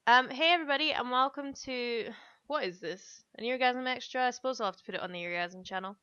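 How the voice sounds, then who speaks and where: A woman's voice: a little high, fast talker, muffled recording, noisy background. Bubbly woman hosting a podcast. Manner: bubbly, giggly, chatty. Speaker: podcast host. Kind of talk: casual chat while playing a video game.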